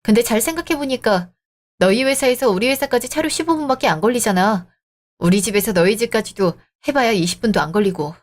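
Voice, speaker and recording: Woman, radio drama heroine, cold, cutting, fairly high voice. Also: expressive, brisk.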